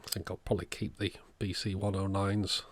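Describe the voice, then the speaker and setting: Fairly quick and with little pitch movement, a low-voiced man runs through a repair casually on his own electronics channel. He's at an indoor workbench, understated and matter-of-fact, voicing his thoughts as he goes.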